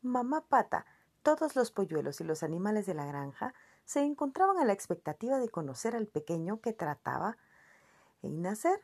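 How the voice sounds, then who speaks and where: A woman reading a children's fairy tale aloud to a child in an expressive, lively storytelling voice. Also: mid-range voice, normal speed, breathy edge. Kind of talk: reading bedtime stories aloud.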